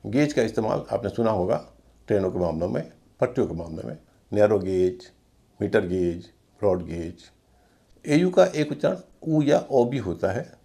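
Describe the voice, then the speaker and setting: A man teaching English pronunciation, slowly spelling out words letter by letter and repeating each one. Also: fairly low pitch, gravelly, warm tone.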